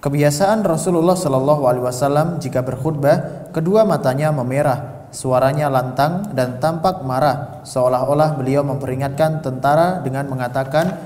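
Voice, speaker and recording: A man reading out religious texts and their translations in a steady, formal way. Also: mid-range voice, normal speed. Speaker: reader of texts. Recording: long hall reverb.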